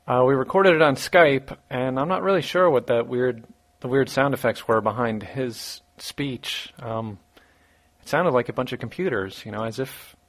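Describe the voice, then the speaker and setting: A man hosting a podcast, talking in a relaxed, musing way as he wraps up. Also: medium pitch. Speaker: podcast host. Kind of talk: casual wrap-up talk.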